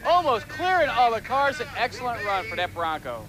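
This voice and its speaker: Male color man, high voice, folksy and excitable about the racing. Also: fairly quick. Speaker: color commentator. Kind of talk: sports commentary.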